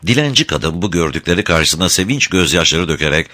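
A man narrating a fairy tale in an expressive, scripted storytelling style. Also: deep voice, a little fast.

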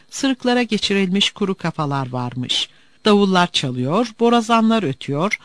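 A man narrating a storybook tale in an expressive way. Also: sits high, no echo. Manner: expressive, animated.

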